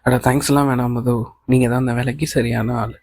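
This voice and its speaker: A man reading the lines of a kind male office boss in an audiobook of a novel, calm and reassuring, mixing in English phrases. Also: medium pitch, a little fast, husky, no echo.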